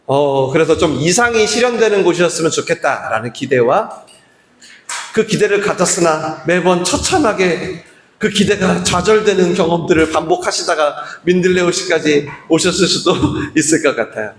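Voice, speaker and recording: A man's voice: fairly high pitch, moderate pace, a little hiss or hum. A man preaching a sermon as pastor, chatting with the congregation and asking them questions. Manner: conversational preaching with quoted voices and questions to the congregation. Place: church sanctuary. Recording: echoey church hall with long reverb.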